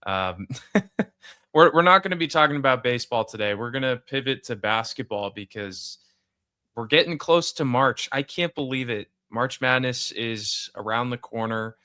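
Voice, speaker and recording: A man's voice: medium pitch, moderate pace, sharp tone, clear, resonant tone. A man hosting a casual sports podcast, easygoing and upbeat as he introduces the episode and previews games. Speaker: podcast host. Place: home room with bare background.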